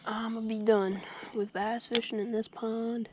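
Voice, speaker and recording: A young man mutters his way through a fishing trip in a relaxed, half-whispered way, his voice sitting a little high. The sound comes from an action camera strapped to his head out on a lake, with loud outdoor noise running underneath. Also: moderate pace. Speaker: angler vlogging from a kayak. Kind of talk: casual fishing commentary. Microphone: head-mounted action camera.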